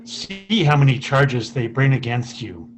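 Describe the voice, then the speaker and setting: A man playing a stern Roman governor in a dramatic scripture reading, loud and declamatory. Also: mid-range voice, sing-song, measured pace, slight background noise, poor audio. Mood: demanding. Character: Pontius Pilate, stern Roman governor questioning the crowd.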